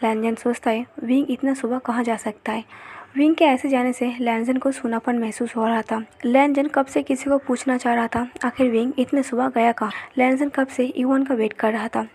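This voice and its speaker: A woman narrating a fan-fiction story in an even, steady storytelling manner. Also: on the high side, moderate pace, hardly any pauses, breathy edge. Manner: even storytelling read-through.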